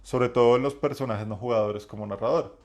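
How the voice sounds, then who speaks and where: A man with a deep voice, hosting a live talk and giving game-master advice in a reflective way, with many fillers and restarts. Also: a little fast. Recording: lower-quality live stream.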